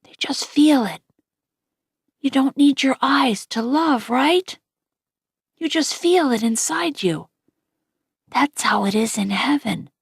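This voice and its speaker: A woman voicing a tired, loving mother who soothes her son in a hushed half-whisper. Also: sits high, lively intonation, takes it slowly, vocal fry, long pauses, slightly rough, no echo, studio quality, exaggerated voice. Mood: tired, tender.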